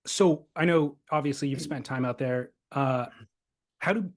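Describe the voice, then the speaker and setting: This surf podcast host talks in an easygoing, filler-heavy manner during a casual video-call chat. His voice is medium in pitch and a little slow.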